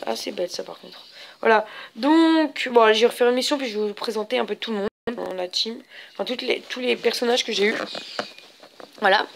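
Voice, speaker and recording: A woman with a somewhat high voice hosts a casual let's play and comments on her game as she goes. Her talk is hesitant and rambling, full of fillers and restarted sentences. A faint hum of background noise runs under her voice. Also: a little fast, gravelly.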